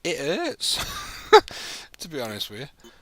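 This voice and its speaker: A man's voice: medium pitch, wildly swooping pitch, slow, pushed and bright, dry recording. A man in his thirties from England, tired and rambling in casual chat while streaming a video game live. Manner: tired, rambling, laid-back. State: sleepy. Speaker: gaming streamer.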